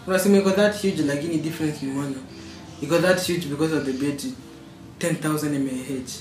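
Casting: young Kenyan male, slightly high voice, slangy Swahili-English banter, echoey distant mic. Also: fast talker, darkish tone, soft background music. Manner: slangy, switches between Swahili and English, debating. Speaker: podcast co-host. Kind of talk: casual chat. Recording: roomy, distant mic, faint noise.

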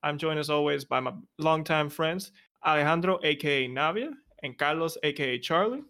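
A man's voice: fairly high pitch, normal speed, pushed and bright. A young man from Puerto Rico hosting a podcast in a casual, chatty way. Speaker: podcast host.

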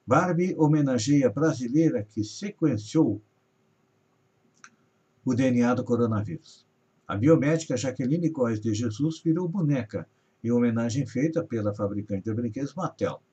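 A man's voice: medium pitch, animated, moderate pace, mellow, breathy edge. Man reading news, dull lo-fi sound. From Brazil. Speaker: news host. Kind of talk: reading regional news on a live show. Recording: dull lo-fi audio.

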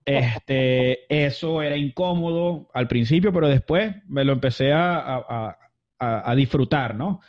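Here the Venezuelan interview guest has a darkish, medium-pitched voice and an unhurried pace. His storytelling is casual and chatty, full of fillers and restarts, captured in dull lo-fi audio.

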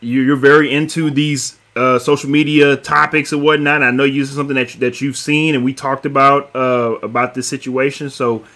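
A man's voice: medium pitch, little pitch movement, moderate pace, hardly any pauses, sharp tone. A man hosting a casual podcast, steering the talk to the next topic. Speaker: host.

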